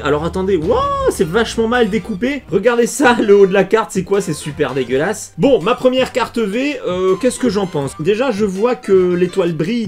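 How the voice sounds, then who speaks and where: Casual male unboxing host from France, high-pitched, chatty and reactive, soft music bed. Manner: chatty, reacts aloud to each card, many fillers. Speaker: YouTuber opening trading card packs.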